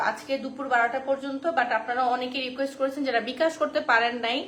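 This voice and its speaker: A woman's voice: sits high, a bit bright. A woman selling skincare products on a live stream, chatty and repeating the prices and offers. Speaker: online shop seller. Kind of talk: live-stream sales pitch. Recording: roomy echo, faint background noise.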